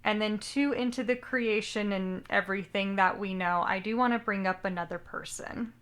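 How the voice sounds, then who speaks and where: A young woman co-hosts a casual anime podcast in a mid-range, fairly bright, clear and resonant voice at normal speed. She's chatty and rambling and often second-guesses how she pronounces names.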